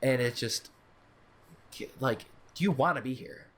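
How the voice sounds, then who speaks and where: A young man from the United States co-hosting a casual podcast, rambling with frequent restarts and quick asides. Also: mid-range voice, a bit bright. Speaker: podcast co-host. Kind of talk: casual chat.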